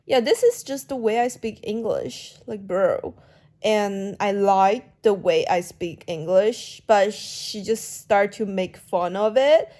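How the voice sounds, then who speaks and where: A young woman with a Chinese accent and a soft, sleepy way of talking, vlogging late at night. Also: medium pitch, takes it slowly. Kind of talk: casual late-night vlog.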